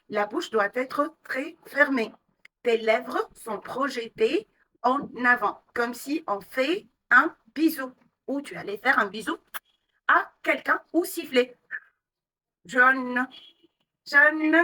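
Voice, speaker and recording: French teacher lady, slow careful lesson, sounds a bit far from the mic. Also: a little high, sharp tone. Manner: patient, explains step by step with many pauses and fillers. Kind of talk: language lesson explaining vocabulary and pronunciation.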